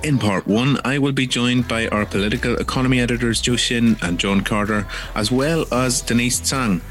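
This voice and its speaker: A man's voice: medium pitch, normal speed, fairly bright tone, soft background music. A man with a Northern Irish accent, hosting a news podcast as a journalist with scripted introductions and interview questions.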